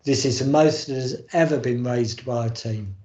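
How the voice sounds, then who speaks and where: A man's voice: medium pitch, moderate pace, a little mellow. A man chairing a formal board meeting over a video call, hesitating often with ums and uhs. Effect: heard over a video call. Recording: roomy, dull video call audio.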